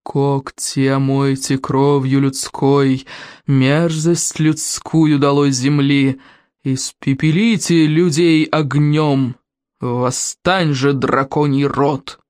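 An audiobook narrator voicing an ancient hateful dragon, chanting a curse in slow, hissing, menacing phrases. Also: mid-range voice, steady tone, a little mellow, clean tone, dry recording, studio quality, natural voice. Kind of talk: audiobook character reading.

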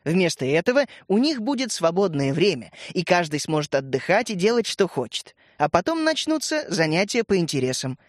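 A man reads a children's story aloud in a measured, expressive way. His voice sits fairly high, and the recording is dry and close with no room sound. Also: dry recording. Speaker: narrator. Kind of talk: scripted storybook narration.

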